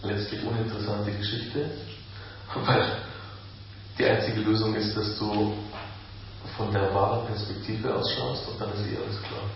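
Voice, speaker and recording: A man, a spiritual teacher giving a calm, reflective satsang talk with slow pauses. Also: lowish voice, a little hiss or hum. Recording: echoey room from far off, dull.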